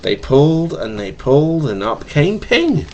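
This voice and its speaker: The recording is muffled: a father at home, picked up by his webcam microphone, reading his child a bedtime picture book. His fairly high voice swings widely in pitch at a measured pace, and a stutter makes him stumble and repeat words.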